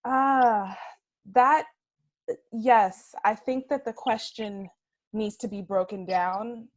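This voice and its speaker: A woman on a casual discussion panel, speaking in a measured way with hedges and fillers as she reasons aloud. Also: fairly high pitch, steady tone, muffled recording. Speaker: panel guest.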